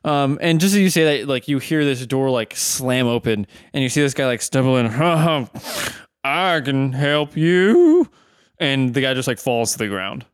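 A man's voice: medium pitch, brisk, hardly any pauses, clean tone, no echo, clean studio sound. A man narrating a tabletop game casually and informally as game master, peppering it with "like".

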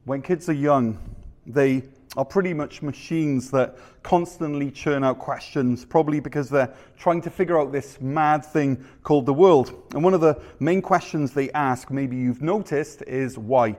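A man's voice: medium pitch, measured pace, darkish tone. A man, preaching a sermon in a conversational, storytelling manner with rhetorical questions. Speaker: pastor.

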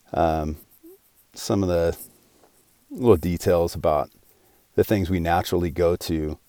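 Deep-voiced earnest man in his forties. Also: dark tone, no echo, studio quality. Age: 40s. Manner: rambling, earnest, many restarts. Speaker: podcast host. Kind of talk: casual solo podcast monologue.

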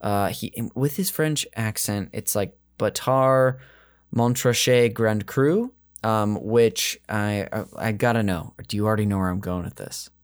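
Podcast co-host, man, lowish voice, rambling delivery with lots of um and uh. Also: normal speed, few pauses, clean tone. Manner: rambling, frequent fillers and restarts. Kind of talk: casual podcast chat.

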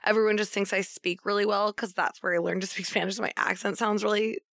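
A woman's voice: mid-range voice, steady tone, brisk, fairly bright tone, dry recording, studio quality. A woman chatting casually as a co-host, informal and free with swearing. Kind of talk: casual chat.

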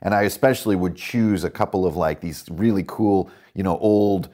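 Deep-voiced man rambling about worldbuilding. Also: normal speed, dark tone. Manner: rambling, enthusiastic, lots of fillers. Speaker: podcast host and dungeon master. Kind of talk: casual worldbuilding talk.

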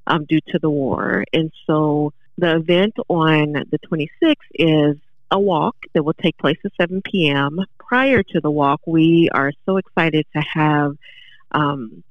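A woman guest speaking over the phone, pausing often with fillers as she lays out event details. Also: deep voice, no room sound, lo-fi sound. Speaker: library director guest.

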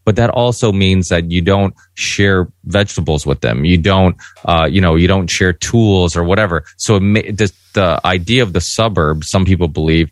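A man's voice: sits low, normal speed, few pauses, dry recording, clean studio sound. A man from Portugal, a podcast host, talking earnestly and rambling a little in a casual panel discussion.

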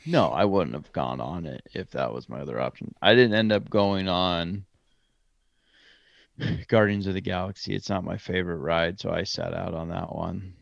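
A man with a very low, gravelly voice rambles casually through a trip story on a podcast, often stopping to correct himself. The sound is dry and a bit dull, like a lo-fi home mic. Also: normal speed, no echo. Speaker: podcast co-host. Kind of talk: casual chat.

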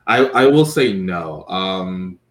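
Deep, slow, hesitant young man. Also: animated, a bit bright. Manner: hesitant, halting. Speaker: podcast panelist. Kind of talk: casual chat.

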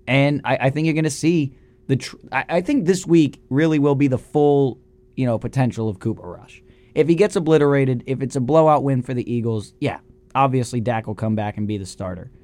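Animated man co-hosting sports radio. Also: medium pitch, a little fast, dry recording. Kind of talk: casual sports talk show.

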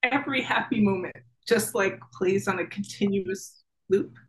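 A woman's voice: mid-range voice, normal speed, rough recording. A woman in her thirties, a podcast guest, vividly retelling a personal story, chatty, with many fillers and acted-out thoughts. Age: 30s.

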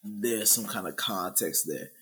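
A young man from Georgia in the US South co-hosts a podcast, trading casual, profane, joking banter and animated boasts. His voice is lowish and his pace a little slow.

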